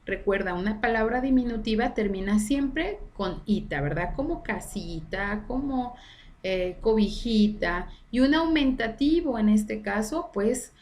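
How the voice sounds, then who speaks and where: A woman's voice: a little high, animated, unhurried, darkish tone. A woman teacher giving a recorded online class, explaining step by step and often checking in with her students. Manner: explanatory, frequent tag questions to students.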